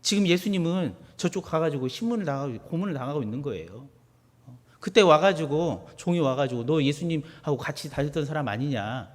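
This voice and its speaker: A man preaching a sermon, moving between hushed questions and loud, emphatic declarations. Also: a little high, animated, brisk. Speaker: pastor. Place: church sanctuary. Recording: long church hall reverb.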